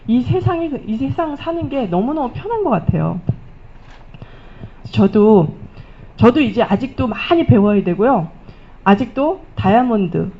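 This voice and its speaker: A middle-aged woman giving a motivational stage testimony, telling stories animatedly and acting out the remarks she quotes. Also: medium pitch. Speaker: speaker at a business recognition event. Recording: dull lo-fi event recording.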